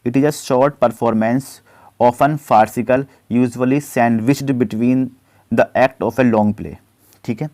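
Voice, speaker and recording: A man teaching exam prep. He reads questions out slowly, explains them briskly, and drops his voice to give each answer. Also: medium pitch, darkish tone.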